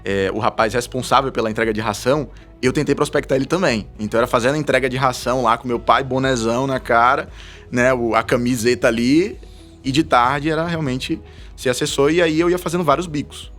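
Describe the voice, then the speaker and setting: A man's voice: mid-range voice, soft background music. A man, a guest telling his story in a casual podcast interview. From Salvador, Brazil. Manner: fast, animated storytelling with frequent laughs. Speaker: guest, investment advisor.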